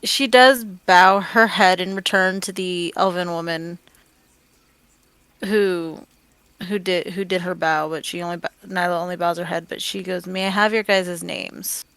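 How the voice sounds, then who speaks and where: A woman's voice: lowish voice, fairly even intonation, a little slow, fairly bright tone, smooth, dry recording. A woman playing a tabletop game, thoughtful and searching for words. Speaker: player. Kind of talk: casual chat at a game table.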